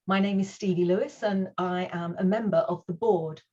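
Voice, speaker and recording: A woman's voice: on the low side, steady tone, normal speed, dark tone, lo-fi sound. A woman hosting an online conference over a video call, speaking in an earnest, reassuring way as she opens the day and introduces the first speaker. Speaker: conference host.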